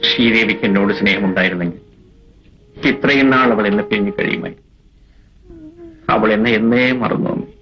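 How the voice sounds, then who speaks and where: A man's voice: on the low side, a little fast, pauses often, close to an everyday voice. An actor playing a heartbroken male surgeon who has lost his nerve, speaking mournfully, in a 1980s film drama. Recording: dull old film soundtrack with music.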